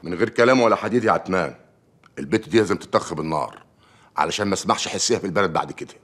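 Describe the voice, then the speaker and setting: Hot-headed village strongman, low voice, super fast, blunt threats. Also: fairly bright tone. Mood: threatening. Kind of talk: TV drama acting.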